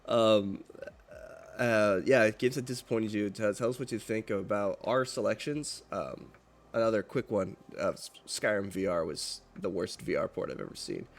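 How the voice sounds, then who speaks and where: This podcast co-host has a low-leaning, creaky voice with lively intonation at normal speed. He chats casually, rambles, and fills the conversation with fillers and restarts.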